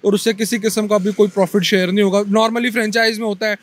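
Earnest young cart owner, higher voice. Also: male voice, little pitch movement, quick pace. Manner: earnest, explaining, mixes English words. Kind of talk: street interview answers. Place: busy city street outdoors. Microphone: handheld mic held by interviewer.

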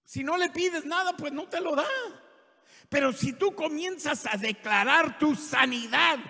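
A man evangelist preaching a fervent sermon in a church, shouting his declarations. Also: very high-pitched, unhurried, vocal fry. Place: church sanctuary. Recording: reverberant church hall.

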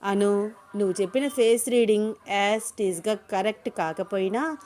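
A woman's voice: medium pitch, a little slow, dark tone, close to an everyday voice. A woman reading a story, voicing a young man who teases the woman he is falling for. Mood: teasing. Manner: playful, teasing questions. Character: young man, teasing, smitten office boss.

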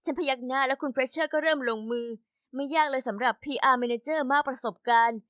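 A woman reading a first-person animated life story in an even, steady way. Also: high-pitched, fast talker, smooth, dry recording, studio quality. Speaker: narrator voicing all characters. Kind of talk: scripted storybook narration.

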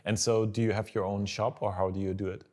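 Male host, lowish voice, upbeat, asks short interview questions with encouragement. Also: little pitch movement, a little mellow. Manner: upbeat, quick with encouraging backchannels. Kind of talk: casual interview. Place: dark studio, indoors.

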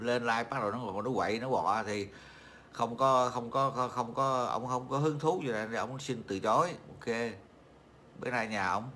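A man's voice: mid-range voice, pushed and bright, slight background noise. A middle-aged man from Vietnam hosting a casual livestream chat, rambling and mocking, with many fillers and repeated words. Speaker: livestream host.

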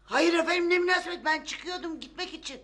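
An actress playing an idealist schoolteacher in a sitcom, firm and proper. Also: female voice, very high voice, fast, sharp tone. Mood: indignant. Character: idealist schoolteacher, a young woman. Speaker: teacher. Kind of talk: sitcom acting.

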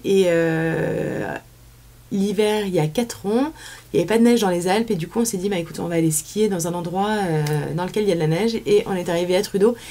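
Speaking in a mellow, medium-pitched voice, a woman in her thirties from France talks casually as a guest in an interview. She has a French accent and uses plenty of fillers and restarts. The setting is a small indoor studio set.

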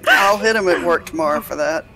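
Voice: mid-range voice, big pitch swings, a little fast, vocal fry, over loud music. A friend chatting dryly with the group while gaming. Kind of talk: casual voice chat while gaming.

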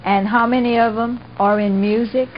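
A woman's voice: a little high, steady tone, normal speed. A woman interviewing an older musician, asking polite, encouraging questions. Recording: muffled audio with faint hiss.

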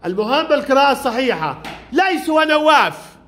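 A male primary school teacher leading a classroom reading lesson with young children, asking brisk questions and praising each answer. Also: very high-pitched, big pitch swings, fairly bright tone, slight background noise.

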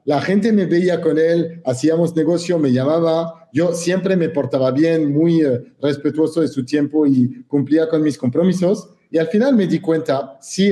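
A man from France, a native French speaker, tells stories as an interview guest. His voice is mellow and a little high for a man, and he is animated and often jokes. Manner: animated, joking, laughs while telling stories. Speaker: podcast guest. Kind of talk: casual interview storytelling.

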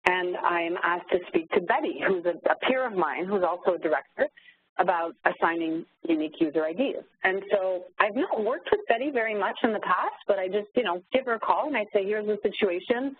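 French canadian woman running a webinar, lowish husky voice, phone-line sound. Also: brisk, no room sound. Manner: conversational storytelling with frequent ums. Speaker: webinar facilitator. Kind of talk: webinar presentation. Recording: tinny phone-line audio.

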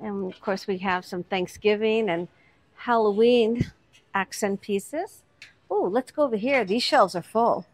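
A woman's voice: medium pitch, measured pace, no room sound. A woman hosting a vlog, chatting casually as she points out items on shop shelves one by one. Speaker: vlog host, reseller. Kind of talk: casual commentary while browsing a shop.

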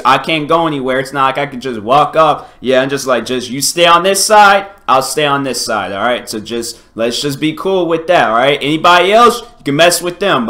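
A man's voice: medium pitch, bright, forceful tone. A young man hosting a reaction video, chatting casually and informally. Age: young adult. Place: home kitchen or dining area, indoors.

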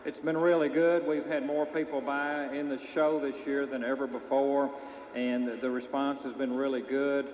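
Male sponsor representative, middle-aged, mid-pitched, businesslike interview remarks over a reverberant arena PA. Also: flat delivery, moderate pace, darkish tone. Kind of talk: public thank-you remarks in an interview. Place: large indoor arena. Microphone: handheld microphone held out to him. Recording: echoey arena PA, faint noise.

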